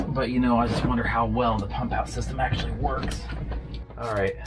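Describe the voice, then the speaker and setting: The boat owner, a man in his thirties, keeps a brisk pace and steady tone in a medium-pitched voice as he vlogs casually on his catamaran. He chats to viewers while working on a project, spending part of the time in a small cabin.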